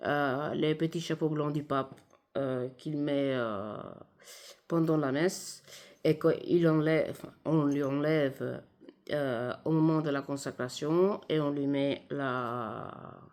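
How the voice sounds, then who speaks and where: A woman from Italy, a native Italian speaker with an Italian accent in French, giving informal spoken commentary in a halting way as she searches for words. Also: deep voice, fairly even intonation, darkish tone. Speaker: video commentator.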